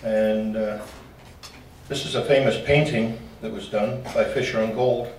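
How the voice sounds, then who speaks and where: A man's voice: on the low side, fairly even intonation, unhurried, darkish tone, a little hiss or hum. A man giving a slide-show history talk to a club, folksy and dropping joking asides. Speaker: local history presenter. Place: meeting room. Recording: roomy hall from far off.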